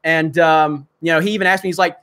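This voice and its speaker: Fast and forceful, this man speaks with a fairly high, bright voice and a steady tone. As host of a casual livestream, he reads super chats and replies to viewers, rambling and filling gaps with fillers.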